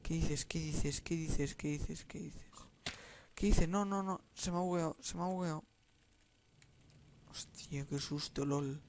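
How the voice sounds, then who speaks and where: Excitable young gamer with a Spain Spanish accent. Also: male voice, on the high side, measured pace. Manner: excitable, rambling, swearing, sing-song nonsense syllables. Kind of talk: let's play commentary.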